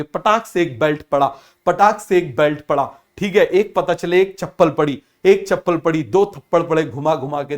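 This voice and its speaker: Young male biology tutor, a bit high, lively, keeps quizzing students, acts out skits. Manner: lively, asks the class often; acts out family scenes in other voices. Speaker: teacher. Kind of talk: biology lecture with comic examples.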